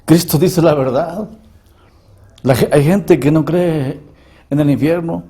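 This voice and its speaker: A man giving an earnest spoken testimony as an evangelist, often clearing his throat and restarting words. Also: on the high side, slow pace, warm tone.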